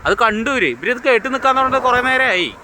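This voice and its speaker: A man's voice: very high-pitched, lively intonation, racing, pushed and bright, a little hiss or hum. A man giving a casual, rambling recap of a TV serial episode outdoors, with frequent restarts and passing vehicles behind. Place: outdoors beside a road.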